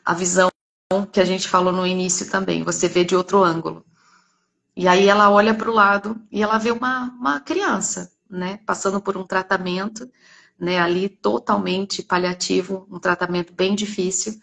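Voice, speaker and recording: Brief: Brazilian woman, church testimony, earnest storyteller, slightly gravelly voice. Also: mid-range voice, fairly even intonation, moderate pace, a bit bright. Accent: Brazilian Portuguese.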